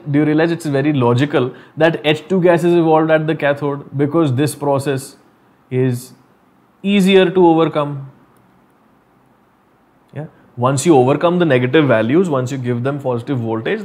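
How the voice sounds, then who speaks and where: His voice is a little high with a darkish tone. The young man, who has a North Indian accent, is an online teacher giving a live exam revision lesson from a small furnished room at home, mixing English and Hindi as he explains step by step, informally and with plenty of questions.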